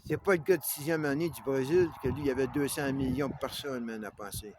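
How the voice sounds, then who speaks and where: Québécois man ranting hard at an imagined listener, mid-pitched voice, noisy clicking background. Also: a little fast. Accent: Québécois French. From North America. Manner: heated, confrontational, constantly addresses a "you" and tags "man". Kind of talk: ranting monologue.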